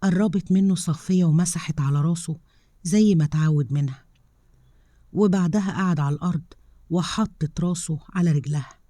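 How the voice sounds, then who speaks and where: A woman with an Egyptian accent narrating a story in a calm, measured way. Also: fairly low pitch, no echo, studio quality. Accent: Egyptian Arabic.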